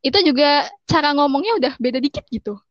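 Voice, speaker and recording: A woman's voice: high-pitched, expressive, quick pace, dry recording. Young woman chatting with English mixed in. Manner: mixes English phrases into casual slang. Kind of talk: casual chat. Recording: dull, slightly muffled audio.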